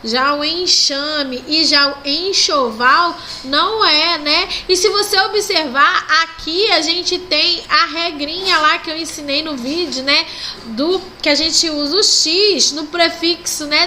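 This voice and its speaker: Faint hiss runs beneath this recorded online class, where a woman with a high, bright voice and Brazilian Portuguese accent goes over textbook exercises with primary school children. Slow and patient, she lengthens example words and checks understanding with "ok?" and "né?".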